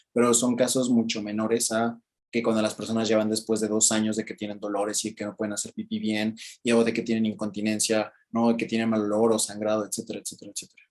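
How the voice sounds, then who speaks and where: Speaking in a darkish tone, a man with a Mexican Spanish accent reviews a book in a relaxed, talkative way. He keeps tossing in "¿no?" and raises his pitch sharply when imitating quoted people.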